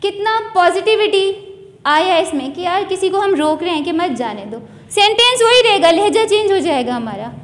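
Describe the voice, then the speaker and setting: High-voiced woman lecturing in a hall. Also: expressive, normal speed. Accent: Sindhi-region Urdu. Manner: earnest, preachy, rising emphasis. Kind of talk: moral lecture. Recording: long hall reverb.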